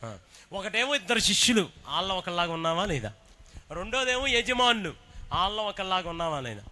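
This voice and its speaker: A man preaching a sermon, calling on the congregation to answer and shouting praises. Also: high-pitched, big pitch swings, brisk. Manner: shouts praises and urges the congregation to respond loudly. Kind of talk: sermon with call-and-response.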